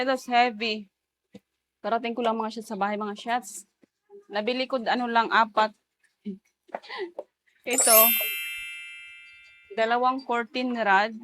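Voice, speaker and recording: A woman's voice: mid-range voice, a bit bright, a little hiss or hum. A woman, chatting casually in a home vlog, mixing in English phrases with giggly asides. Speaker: vlogger.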